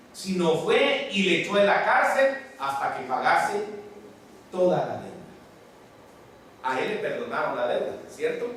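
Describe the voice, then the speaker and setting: A man's voice: sits high, slight background noise. A man preaching a sermon, retelling a parable and putting questions to the congregation. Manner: animated, asks the congregation questions. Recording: very echoey room from far off.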